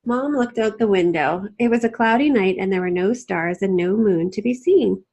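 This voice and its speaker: At a normal speed and medium pitch, a woman reads a children's storybook aloud in an expressive read-aloud style.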